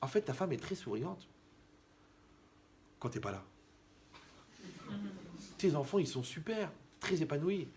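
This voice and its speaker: A man giving a lively, conversational sermon as a rabbi, who acts out the people he quotes. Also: fairly high pitch, measured pace, pauses often, slight background noise. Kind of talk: animated sermon.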